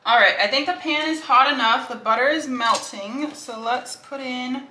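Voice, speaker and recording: A woman's voice: high voice, moderate pace, pushed and bright. A young woman casually narrating a cook-along in her home kitchen, chatty and thinking aloud as she goes. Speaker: cooking vlogger. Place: home kitchen with sizzling pan. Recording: echoey kitchen, faint noise.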